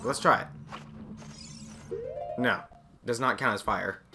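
A woman's voice: very deep voice, slow pace, bright, forceful tone. A woman playing a video game, thinking aloud and muttering to herself, with sudden exasperated outbursts. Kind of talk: let's-play commentary. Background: game music.

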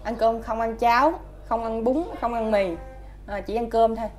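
A woman's voice: fairly high pitch, fairly even intonation, moderate pace, darkish tone, faint music behind. A woman with a Southern Vietnamese accent answering interview questions about her child, hesitant and polite, with many fillers.

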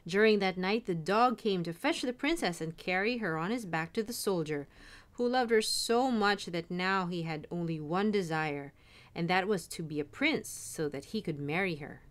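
A woman reading a fairy tale aloud in an expressive, animated storytelling manner. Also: fairly low pitch, moderate pace.

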